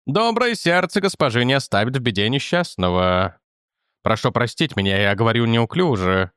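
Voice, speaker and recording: A man's voice: mid-range voice, big pitch swings, moderate pace, fairly bright tone, smooth, no room sound, studio quality. A man voicing a timid male court jester who pleads in a flowery, tearful way. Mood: pleading.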